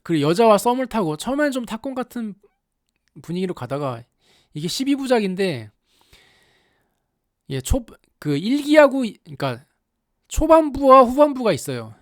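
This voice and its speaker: A solo commentator chats through an anime plot in a loose, talky way, with a voice that swings up and down a lot. The delivery is animated and exaggerated, full of rhetorical questions put to the listeners. It is recorded close up in a dry room with almost no echo. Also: medium pitch, moderate pace, long pauses.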